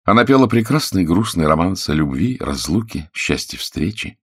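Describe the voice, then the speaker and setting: Low-voiced male audiobook narrator, dry close recording. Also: sing-song, breathy edge, dry recording. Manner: measured storytelling. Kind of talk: scripted narration.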